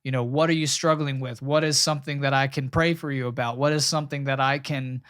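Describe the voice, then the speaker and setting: A man's voice: mid-range voice, fairly even intonation, fast talker, fairly bright tone, no echo, clean studio sound. A young man co-hosting a podcast, giving earnest, emphatic advice on marriage and parenting. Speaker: podcast co-host. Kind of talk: casual chat about marriage and parenting.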